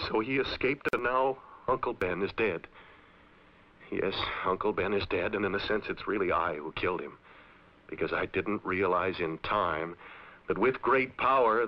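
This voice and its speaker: A man's voice: on the low side, moderate pace, slight background noise, natural voice. Spider-Man, a man voicing a solemn young hero. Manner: solemn, dramatic vow-making. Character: earnest young male superhero vowing duty. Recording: dull old cartoon soundtrack with music.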